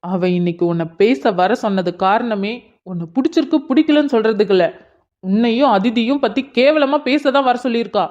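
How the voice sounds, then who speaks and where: ஒருவர் நடிக்கும் கண்டிக்கும் நண்பன். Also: male voice, very high-pitched, expressive, brisk, a little mellow. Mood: scolding. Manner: scolding then soothing, direct. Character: blunt loyal young male friend. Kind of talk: cartoon drama voice acting. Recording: dull lo-fi sound.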